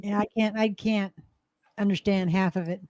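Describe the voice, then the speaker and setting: A woman hosts a relaxed live panel and laughs easily as she chats. She greets viewers by name between remarks. Her voice is dry and close to the mic. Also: mid-range voice, moderate pace, no room sound. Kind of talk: casual chat.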